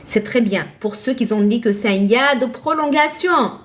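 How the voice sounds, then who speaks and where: Woman, high voice, patient live online teacher who quizzes and answers herself. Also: lively intonation, moderate pace, a little hiss or hum. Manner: patient, asks and answers her own questions, thanks viewers by name. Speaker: Arabic reading teacher.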